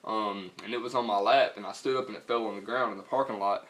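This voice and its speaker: A man's voice: on the low side, steady tone, fast talker, fairly bright tone, rough recording. A young man with a Southern US accent telling a story casually in a slangy, profane, rambling way. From North Carolina, US.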